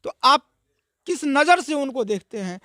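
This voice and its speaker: Probing interviewer with a high voice. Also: sing-song, a little slow, sharp tone, no room sound, studio quality. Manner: long, probing questions with hesitations. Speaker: interviewer, news reporter. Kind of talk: interview questions.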